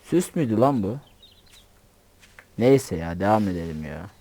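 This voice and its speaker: A man giving excitable, joking commentary on his own gameplay, swearing playfully and talking to himself. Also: lowish voice, normal speed. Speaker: gamer.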